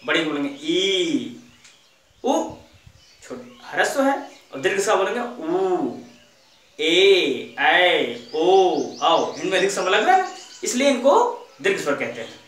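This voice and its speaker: A man's voice: high-pitched, huge pitch swings, normal speed, a bit bright. Guy teaching a class, keeps asking then answering himself, sounds far off in a big echoey room. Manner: patient, repeats questions and answers them himself. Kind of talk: classroom grammar lesson.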